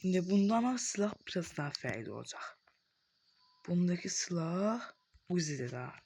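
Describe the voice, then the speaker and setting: A man's voice: high voice, big pitch swings, normal speed. Azerbaijani-accented man doing game commentary. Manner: casual, exclaiming at the screen. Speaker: gameplay commentator. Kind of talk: casual gameplay commentary. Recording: loud background noise.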